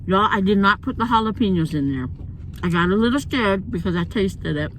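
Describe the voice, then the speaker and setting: A woman's voice: mid-range voice, lively intonation, fairly quick, fairly bright tone. Woman chatting while chewing, in a parked car. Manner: chewing while talking, savoring mm sounds. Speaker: food vlogger hosting a mukbang. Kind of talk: casual chat to viewers while eating. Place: inside a parked car in a parking lot at night. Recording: noisy car interior ambience.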